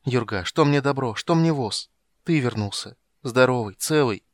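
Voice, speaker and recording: A man's voice: medium pitch, expressive, moderate pace, no room sound, lightly acted. Man doing worried merchant's wife voice, fussy and urgent, dry close sound. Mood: anxious urgent. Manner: urgent, fussing. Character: merchant's wife, anxious and tender.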